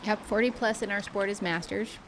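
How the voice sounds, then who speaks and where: A woman commentating a race livestream from away from the course, chatty and openly excited. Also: mid-range voice, brisk. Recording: noisy live stream.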